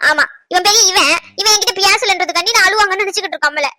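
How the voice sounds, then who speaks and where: A woman's voice: very high voice, rapid-fire, very noisy. A woman voicing an adult married cousin in a cartoon skit, sulky and coy, who puts on fake crying. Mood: sulky denial.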